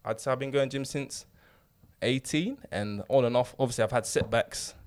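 A man's voice: mid-range voice, moderate pace, a little mellow, clean tone. Casual young man, slangy. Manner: slangy, conversational. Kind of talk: casual group podcast chat.

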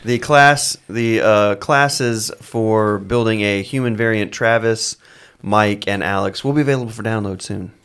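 Man, co-host, lowish voice, dry wisecracks, relaxed. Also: a little slow, clear, resonant tone. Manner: dry joking asides. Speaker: podcast co-host. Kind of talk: casual group chat.

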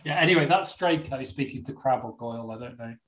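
A man's voice: medium pitch, fast talker, fairly bright tone, slight background noise. A man, a podcast guest, rambling casually and tipsily over a video call. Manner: rambling, tipsy and laid-back. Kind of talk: casual chat. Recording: roomy echo.

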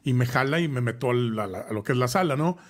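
A man's voice: medium pitch, lively intonation, quick pace. A man, co-hosting a live talk show and casually telling a horror story, rambling with lots of fillers and restarts and tossing in slang. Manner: chatty, addresses co-host directly with slang.

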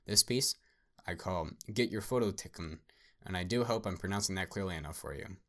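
A man playing a manic, fawning villain artist. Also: a little fast. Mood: gleeful, menacing. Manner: obsequious, repeats "sir", swings loud and high. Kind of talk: dramatic story reading.

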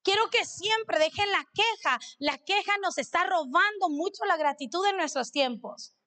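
High-voiced woman preaching conversationally. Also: expressive, moderate pace, pushed and bright. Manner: conversational, asks the audience questions. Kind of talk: sermon with personal testimony.

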